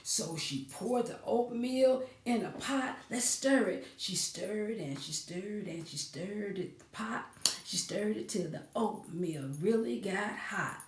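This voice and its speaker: A woman leads a children's storytime of rhymes and stories, coaxing kids to join in with a sing-song delivery. Her mid-range voice has lively intonation and a slow pace; the sound is roomy and echoing, she's distant from the mic, and there's slight background noise.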